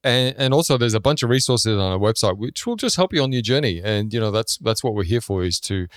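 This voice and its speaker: A man's voice: mid-range voice, animated, fast talker, dry recording, clean studio sound. A man co-hosting a podcast, interviewing in an informal, conversational and rambling way. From Ireland or Britain. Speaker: podcast co-host.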